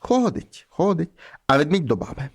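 Expressive man reading a fairy tale. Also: a little high, moderate pace, husky. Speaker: storyteller.

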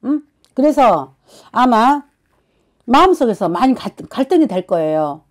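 Woman fortune teller, blunt and scolding, lively high voice, pushes with repeated questions. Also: unhurried. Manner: forceful, scolding, keeps prodding with "어?". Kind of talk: blunt counseling session.

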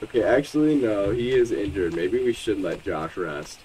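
Excitable young man playing a game. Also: fairly low pitch, normal speed, a little hiss or hum, low-quality recording. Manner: excitable, jokey, talks to game characters. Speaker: gaming YouTuber. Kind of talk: let's play commentary.

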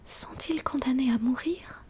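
A woman's voice: high voice, unhurried. A woman voicing a brave, proud young girl in a whispered role-play, speaking firmly and with scorn. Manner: firm, scornful.

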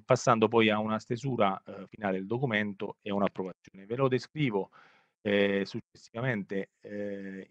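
Hesitant man on a muffled call. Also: no echo. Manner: hesitant, full of fillers and restarts. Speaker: webinar presenter. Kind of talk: halting presentation with many fillers. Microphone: video call. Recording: muffled low-fidelity web call audio.

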